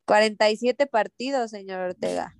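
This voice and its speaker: A woman's voice: medium pitch, moderate pace, vocal fry, clear, resonant tone, no echo, clean studio sound. A woman co-hosting a casual sports chat, giving brief agreeing replies and offering stats. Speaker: co-host.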